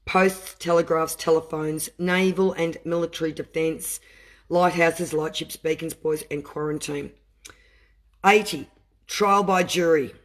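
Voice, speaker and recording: Man, higher voice, reads deliberately, then flares into heated commentary. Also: steady tone, a bit bright. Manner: deliberate reading broken by impassioned asides. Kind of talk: reading aloud and commenting.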